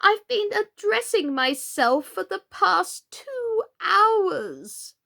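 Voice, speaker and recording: A woman's voice: extremely high pitch, big pitch swings, very slow, gravelly, pushed and bright, voice pushed up, exaggerated voice. A woman voicing a flustered, helpless, melancholy storybook queen who groans, sighs and speaks emphatically. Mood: groaning, plaintive. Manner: groaning, sighing, dotty, emphatic delivery.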